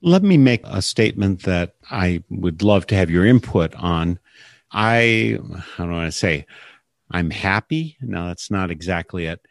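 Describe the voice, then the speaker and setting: An older man hosts a radio talk show in a deep, low voice. He speaks thoughtfully and pauses to search for words, sometimes restarting a sentence. The studio sound is dry and close. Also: lively intonation, dry recording. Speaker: radio host.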